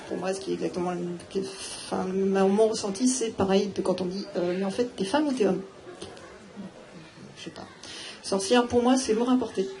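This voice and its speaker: A woman speaking on a live round-table panel, thinking aloud with many pauses and fillers. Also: mid-range voice. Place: theatre hall. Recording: noisy live room recording.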